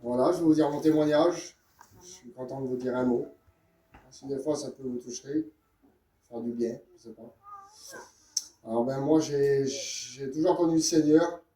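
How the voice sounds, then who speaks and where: A man giving a spoken church testimony in a plain, halting way. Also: mid-range voice, mellow. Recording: echoey room, far from the mic.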